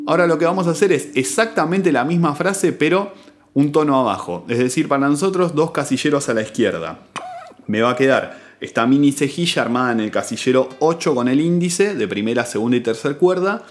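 A man, a guitar teacher giving a calm, methodical step-by-step tutorial, counting out strings and frets. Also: a little high, a little fast. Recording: guitar playing loudly between phrases.

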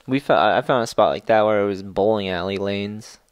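A man's voice: fairly low pitch, a little fast, clean tone, no room sound, highs cut off. A man in his thirties in casual podcast chat, laid-back and slangy, swearing often. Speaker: podcast co-host. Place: small studio room, indoors. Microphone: boom mic with headphones.

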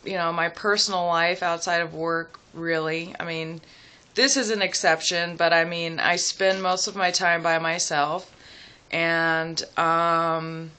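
A young adult woman chatting casually and personally to the camera at home, hesitant and reflective, pausing as she thinks aloud. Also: fairly low pitch, little pitch movement, bright, forceful tone. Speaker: vlogger. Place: small room at home, seated indoors.

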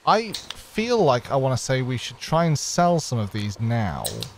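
Playful male streamer from Wales, mid-pitched, self-mocking banter over a noisy home mic. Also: wildly swooping pitch, measured pace. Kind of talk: casual gaming stream chat.

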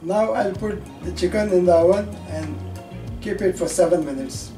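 An older man, host of a home cooking show, giving calm, plain step-by-step cooking instructions. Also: sits high, moderate pace, music in the background.

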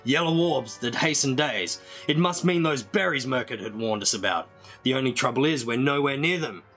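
A man's voice: mid-range voice, normal speed, a bit bright, faint music behind, close to an everyday voice. A man reading a storybook aloud and voicing a resolute male archer who speaks in a firm, decisive way.

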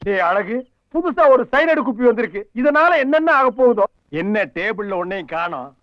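An actor playing a sarcastic, scolding comic lead in a film comedy scene, firing off quick insults. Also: male voice, high-pitched, big pitch swings, no echo. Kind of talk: Tamil film comedy dialogue. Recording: dull lo-fi film soundtrack.

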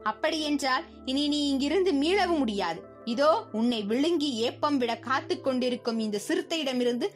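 A woman's voice: sits high, expressive, moderate pace, soft background music. A woman reading as a sneering male circus boss. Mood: taunting. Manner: taunting, mocking. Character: scheming sneering middle-aged male circus owner.

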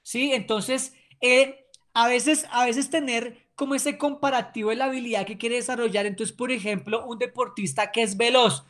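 A woman gives a recorded sports training lecture, speaking emphatically and often checking in with the class. Her voice sits a little on the high side. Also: fairly even intonation, moderate pace, fairly bright tone.

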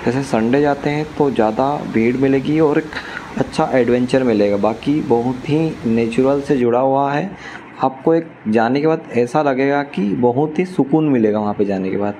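A man's voice: mid-range voice, moderate pace, warm tone, slight background noise. A young man chatting enthusiastically as a travel vlogger, talking to viewers while filming outdoors on a phone. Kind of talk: casual travel vlog narration.

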